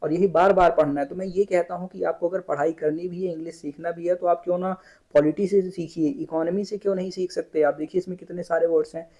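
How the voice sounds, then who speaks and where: A man's voice: high voice, steady tone, quick pace, mellow, poor audio. A young man giving a casual exam-prep tutorial. He is chatty, repeats words, and mixes English terms into his Hindi. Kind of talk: casual screen-share tutorial.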